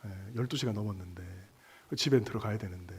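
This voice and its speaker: A man's voice: lowish voice, fast talker, a little mellow, slightly rough. A male pastor giving a church sermon, telling a personal story in a conversational way with many fillers and speaking directly to the congregation. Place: church sanctuary.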